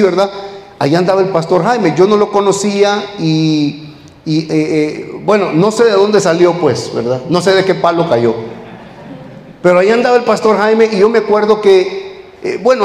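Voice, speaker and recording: A man's voice: high voice, darkish tone. A man, a pastor telling a story in a sermon and calling his listeners brother. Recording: echoey hall.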